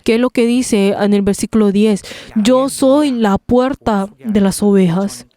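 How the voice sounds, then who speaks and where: A woman interpreting a sermon live, speaking in halting phrases with frequent pauses and restarts. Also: mid-range voice, mellow.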